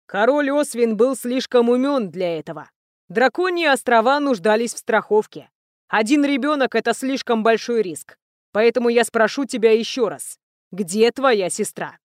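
A woman reading aloud, voicing a cold, calculating male elf prince who interrogates his captive in a low, slow, menacing voice. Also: no echo, clean studio sound, close to an everyday voice.

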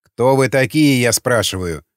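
A man's voice: medium pitch, expressive, a little slow, no room sound, studio quality, close to an everyday voice. A man voicing a ruthless raider commander who gives clipped, cold orders. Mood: commanding.

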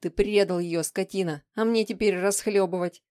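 A woman's voice: medium pitch, fairly even intonation, normal speed, dark tone, clear, resonant tone, dry recording, studio quality, close to an everyday voice. A woman voicing a volatile young woman's vicious, mocking alter ego in an audiobook reading, snarling and hurling insults. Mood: furious.

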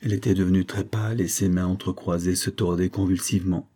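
A man narrating a classic novel aloud in a measured storytelling manner. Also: low-pitched, level tone, warm tone. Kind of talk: reading a serialized novel aloud.

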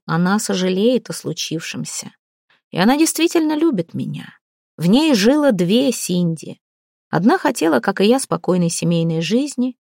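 A woman's voice: mid-range voice, a little mellow, no echo, clean studio sound. A woman reading a first-person novel aloud as an audiobook narrator, acting out the dialogue with drama. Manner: dramatic reading, voicing the quoted lines. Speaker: audiobook reader.

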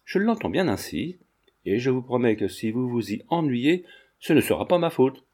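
A man reading the part of a self-assured, flirtatious gentleman, bold and insistent. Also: mid-range voice, sing-song, moderate pace.

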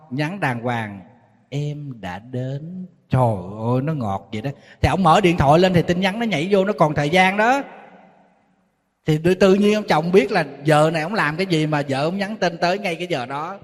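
A man, a Buddhist monk with a Southern Vietnamese accent, giving a sermon full of lively stories and acted-out quoted voices. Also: sits high. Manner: storytelling, acting out quoted voices, teasing. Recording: long hall reverb.

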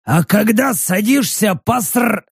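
A man's voice: sits high, expressive, takes it slowly, vocal fry, breathy edge, no echo, clean studio sound, voice pushed up, heavily acted. A man doing a crude, mocking soldier. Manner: teasing, crude.

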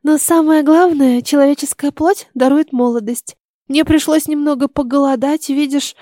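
A woman's voice: sits high, steady tone, moderate pace, dark tone, dry recording, studio quality, pitched above the performer's own voice, lightly acted. A woman reading the lines of a cruel, cunning old witch in an audiobook, speaking in a coaxing, menacing way.

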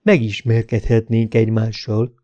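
A man voicing an affected, flirtatious woman at a bar who talks in a slow drawl. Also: on the low side, little pitch movement, dark tone, highs cut off, natural voice. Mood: flirty.

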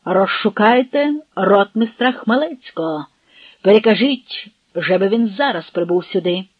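A scheming middle-aged commissioner, gloomy and slyly gloating, as a man reads him aloud. He speaks slowly and deliberately. The sound is dry and a little dull, like a home-made audiobook. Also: sits high, animated, no echo, exaggerated voice. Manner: gloomy, gloating, smooth-talking.

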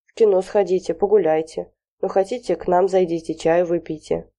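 Woman doing a blustering gruff dad. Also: fairly low pitch, fairly even intonation, a little fast, warm tone. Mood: easygoing. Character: blustering middle-aged father, gruff and naive.

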